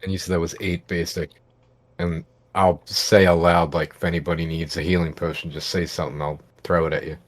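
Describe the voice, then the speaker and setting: A man's voice: low voice, flat delivery, fairly quick, dry recording. A man playing at a tabletop game, chatting casually and joking. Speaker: player.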